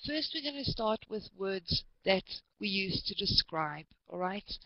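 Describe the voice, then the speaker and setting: A woman's voice: mid-range voice, animated, unhurried, no room sound. Brief: woman from South Africa, online English teacher, patient and encouraging, dry close sound, a bit dull. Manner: patient, encouraging, repeats names. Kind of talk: leading an online class.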